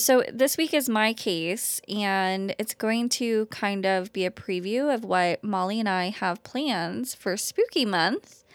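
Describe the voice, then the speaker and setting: A woman's voice: mid-range voice, dry recording. A woman hosting a true-crime podcast, talking casually with lots of fillers like "kind of" and "like". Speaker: podcast host. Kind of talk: casual chat.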